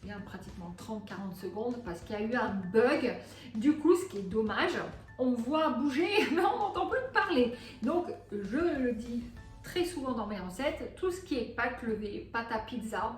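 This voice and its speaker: A woman in her forties hosting a cooking vlog, talking casually, chatty and self-mocking, in a home kitchen. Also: fairly high pitch. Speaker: cooking channel host. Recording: echoey room.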